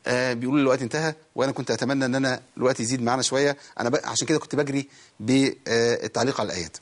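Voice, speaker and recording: A man with an Egyptian Arabic accent teaching Quran recitation in a TV studio lesson, quizzing viewers quickly and then drawing out the words slowly. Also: medium pitch.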